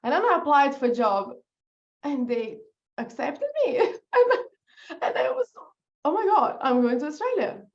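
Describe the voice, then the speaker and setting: A woman's voice: high voice, very animated, unhurried, dull audio. A woman from Brazil with a Brazilian Portuguese accent, a guest in a casual interview who laughs often and sometimes searches for words. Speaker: guest, business founder.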